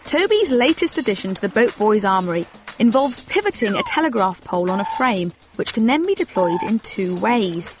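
A woman's voice: mid-range voice, very animated, a little fast. A woman delivering scripted television narration. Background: music.

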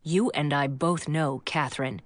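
A woman's voice: low-pitched, a little slow, dry recording, clean studio sound, voice pushed down. A woman voicing a stern middle-aged father who speaks in an icy, clipped way. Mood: cold stern.

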